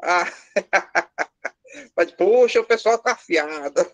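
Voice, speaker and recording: A man's voice: sits high, takes it slowly, fairly bright tone, lo-fi sound. Brazilian man teaching a class. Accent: Brazilian Portuguese. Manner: explains step by step, quizzing students with questions; lightly teasing, joking with the class. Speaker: language teacher. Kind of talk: live class lesson.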